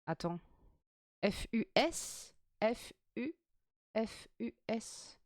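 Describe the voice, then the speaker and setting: A woman's voice: a little high, expressive, very slow, no room sound, studio quality. A woman streamer chatting casually and playfully while reacting to a TV quiz, swearing freely.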